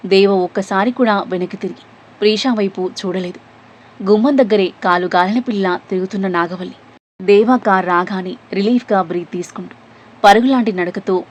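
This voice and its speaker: A woman narrates an emotional serialized story with a breathy, airy tone. She carries the plot along and slips into the characters' lines as she goes. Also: medium pitch. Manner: voices the characters' quoted lines herself.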